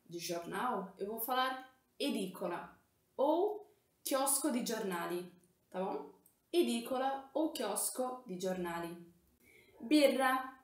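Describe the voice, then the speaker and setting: A woman's voice: medium pitch, roomy sound. A woman teaching Italian vocabulary in a lesson, explaining step by step and often checking in with her listeners. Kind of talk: language lesson.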